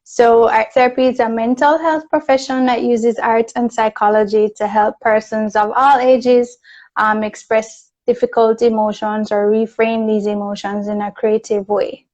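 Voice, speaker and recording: A woman with a Jamaican accent hosting a casual live video chat, friendly and quick to laugh. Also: a little high, flat delivery, darkish tone, dull audio. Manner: friendly, laughs easily, slow and deliberate. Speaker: host. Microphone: video call.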